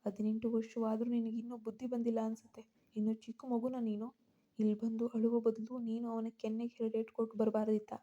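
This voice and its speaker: A woman voicing a hot-tempered young man who scolds his frightened cousin in quick, forceful bursts, in a storybook reading. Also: very high voice, monotone, highs cut off. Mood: scolding.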